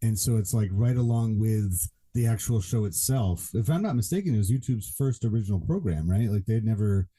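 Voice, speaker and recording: A man's voice: fairly low pitch, animated, a little fast, hardly any pauses, dark tone. A man co-hosting a podcast in casual chat, rambling with lots of fillers and restarts. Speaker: podcast co-host.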